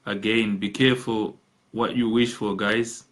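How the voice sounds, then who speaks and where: Unhurried and flat in a lowish, slightly bright voice, this Zimbabwean-accented host reads out viewer comments and commenters' names on a live call-in show, mixing Shona into his English.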